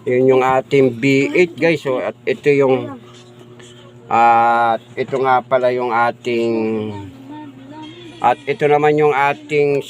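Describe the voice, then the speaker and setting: A man's voice: mid-range voice, steady tone, slow pace. A middle-aged man, chatting casually in a vlog as he shows off and sound-checks his new microphone, repeating his filler phrases often. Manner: chatty and repetitive, says "guys" and "oh, di ba" often; does mic sound checks, sometimes stepping away from the mic. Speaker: vlogger showing off a new microphone.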